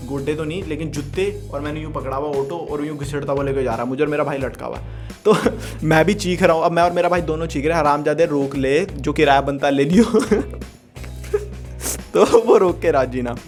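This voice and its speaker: Young male vlogger, casual storyteller, slightly high pitch, salty and laughing, light music bed. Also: quick pace, darkish tone. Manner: swears freely and chuckles while telling a story.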